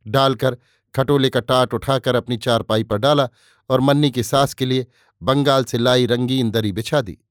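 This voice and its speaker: A male narrator reads a novel aloud in a measured, unhurried way. His voice sits at an ordinary middle pitch. The sound is dry and close, with no room echo. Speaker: audiobook narrator.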